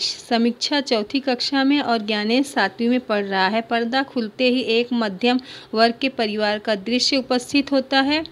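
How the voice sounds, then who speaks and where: Woman teacher, slightly high voice, reads a class play aloud, stops to explain idioms and punctuation to pupils. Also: a bit bright. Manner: explains idioms and punctuation between read lines; lifts her voice for the characters' lines.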